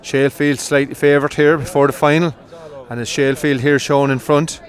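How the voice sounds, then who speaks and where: A man giving live commentary on greyhound coursing from an outdoor field, brisk and rising with excitement during the runs. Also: on the high side. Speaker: race commentator.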